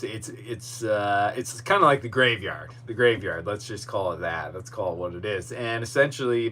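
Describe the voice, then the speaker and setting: Out in a boatyard, a man hosts his own laid-back podcast live stream, wandering from thought to thought and poking fun at himself. He speaks in a lowish, somewhat bright voice into a podcast microphone, with noticeable humming noise in the background.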